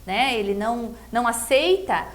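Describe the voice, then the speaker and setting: In a conversational interview, a high-voiced, middle-aged Brazilian woman who is a political pre-candidate lays out her views with a candidate's earnestness. Her intonation is lively and her pace moderate, and she often checks in with quick tag questions.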